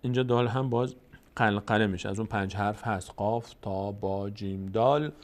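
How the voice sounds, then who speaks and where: A man teaching the rules of Quran recitation, explaining in plain speech and then reciting verses slowly and drawn out. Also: on the low side.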